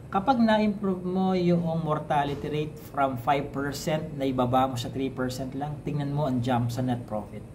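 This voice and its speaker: A man's voice: a little high, normal speed, noisy background. Chatty Filipino farm owner, man. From Philippines. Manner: chatty, with frequent tag questions and self-corrections. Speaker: poultry farm owner answering a viewer question. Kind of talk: casual explanatory talk in mixed Tagalog and English.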